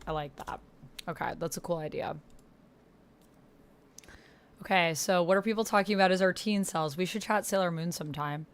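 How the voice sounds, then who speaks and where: A woman hosting a live tabletop roleplay stream chats casually, mutters to herself while typing, and reads typed posts aloud over the sound of a computer keyboard. Her voice is lowish, her pace moderate with long pauses, and a little hiss or hum is audible.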